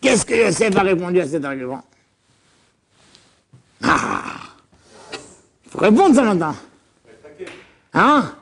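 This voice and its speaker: A middle-aged male rabbi giving a lively Torah class, questioning his students and acting out biblical dialogue. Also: high voice, slow pace, gravelly, long pauses. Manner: animated, questioning the audience, acts out biblical dialogue.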